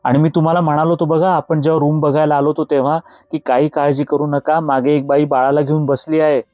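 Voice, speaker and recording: A man's voice: a little high, level tone, fast talker, no echo, highs cut off, natural voice. A man voicing a scared young male student, shaken and pleading urgently. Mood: frightened.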